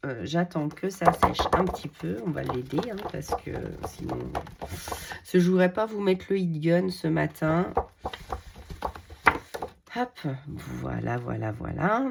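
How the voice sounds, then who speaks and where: Low, gravelly, unhurried woman crafting. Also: heavy background noise. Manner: chatty, talks to herself while working, many fillers. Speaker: craft video host. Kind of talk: casual crafting tutorial.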